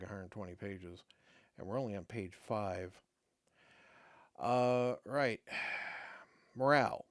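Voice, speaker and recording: On his own show, a middle-aged host reads out a game rulebook, adding casual asides and stumbling through many fillers and restarts between passages. His medium-pitched voice is drying up and fading as his throat goes dry. There is no room sound.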